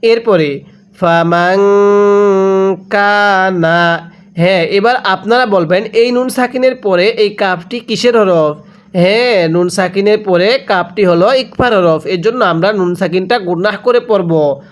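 A man teaching Quran recitation step by step, chanting each word slowly and asking the listener questions he then answers. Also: high voice. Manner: drawn-out chanted recitation between brisk explanations.

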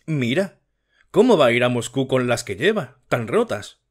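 A man voicing a timid middle-aged mother who pleads gently on behalf of her son in an audiobook story. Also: medium pitch, big pitch swings, moderate pace, husky. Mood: pleading.

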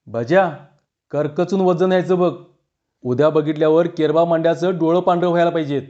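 Man voicing cocky rustic thief gone shaky, drawl, mellow tone, lo-fi. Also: on the high side, steady tone, normal speed, lightly acted. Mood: scheming. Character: boastful village man thief who loses his nerve.

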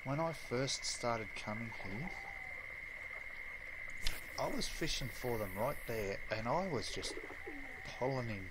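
A young man giving a relaxed, rambling gameplay tutorial full of fillers and pauses. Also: mid-range voice, very noisy. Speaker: game streamer. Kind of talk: casual gameplay tutorial commentary.

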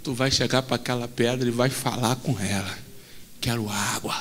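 A man preaching a sermon voicing God as a calm, fatherly, reassuring figure. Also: moderate pace, a little hiss or hum, lightly acted. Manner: calm, reassuring, low-key. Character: calm, fatherly God, male, deep-voiced. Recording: long church hall reverb.

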